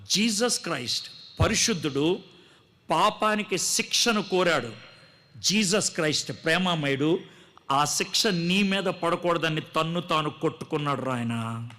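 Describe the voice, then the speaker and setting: Before a live congregation, a man preaches a testimony sermon, telling his story dramatically and acting out the dialogue. His voice is a little high, expressive, pushed and bright, and he speaks at a measured pace.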